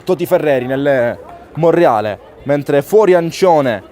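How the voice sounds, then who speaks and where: A man's voice: on the high side, expressive, takes it slowly, warm tone. A man giving live play-by-play commentary on a football match. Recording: outdoor stadium crowd noise. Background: crowd at an outdoor ground.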